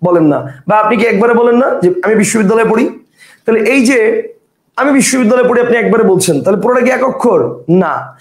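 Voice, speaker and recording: A man's voice: high voice, animated, brisk, echoey room. A man giving a grammar lecture in a classroom, repeating points and putting questions to his students. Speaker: teacher.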